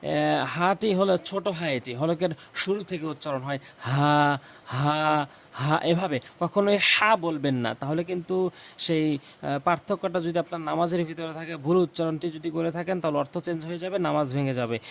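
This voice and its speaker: A man teaching Quran recitation, explaining how to pronounce each Arabic letter and repeating the sounds slowly and emphatically. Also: on the high side, creaky, fairly bright tone. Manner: slow, emphatic, drills sounds by repeating them. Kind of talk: tutorial on Arabic letter pronunciation.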